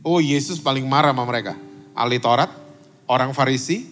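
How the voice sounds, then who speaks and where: A man's voice: medium pitch, fairly quick, fairly bright tone. A man, a pastor, preaching conversationally as a talk-show guest, quizzing the audience and mixing in English words. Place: church meeting room.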